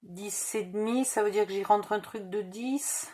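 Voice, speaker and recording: A woman's voice: medium pitch, a little slow, mellow. A woman with a slight Provençal accent, hosting a casual crafting tutorial, thinking aloud over measurements and correcting herself. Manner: muttering measurements, self-correcting.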